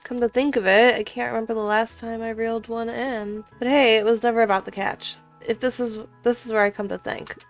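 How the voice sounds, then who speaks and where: Lady putting on a kindly old fishing guy, folksy and unhurried, game character, faint music. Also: fairly high pitch, fairly even intonation, natural voice. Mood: wistful, gentle. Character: kindly old male fisherman, folksy and reflective.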